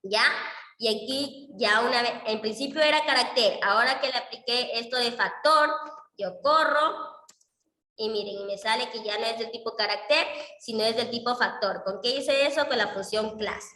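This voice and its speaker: Speaking at a normal speed with a slightly high, sharp-toned voice, a woman who teaches economics walks her online students through R code. She is patient and keeps asking "¿ya?" to confirm they understand, all in a room with long, echoing reverb.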